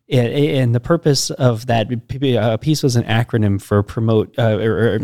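A man hosting a church podcast interview, upbeat and a little halting, with fillers and restarts. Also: medium pitch, a little mellow, no echo, clean studio sound. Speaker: podcast host.

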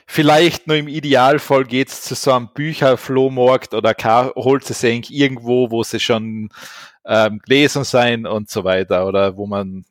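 A man's voice: mid-range voice, steady tone, moderate pace, no room sound, studio quality. Man on a clipping, distorted mic. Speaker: podcast co-host. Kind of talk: casual chat.

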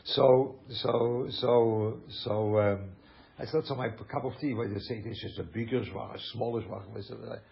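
A man's voice: lowish voice, steady tone, a little slow, gravelly, highs cut off. A man from Switzerland teaching a Torah class, talking animatedly, repeating phrases and mixing in Yiddish and German words. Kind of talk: Torah lecture.

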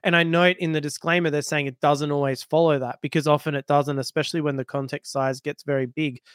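A man co-hosting a podcast, talking in an animated, casual way and laughing easily. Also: a little high, fast talker, clear, resonant tone, no echo, studio quality. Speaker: podcast co-host. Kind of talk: casual tech chat.

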